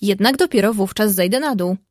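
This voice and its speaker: A proud, hot-tempered young gentleman from an audiobook, stubborn and indignant, as a woman narrator voices him. The voice sits at a middle pitch. It is recorded close and dry, with no room sound. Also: a little fast, no echo, lightly acted.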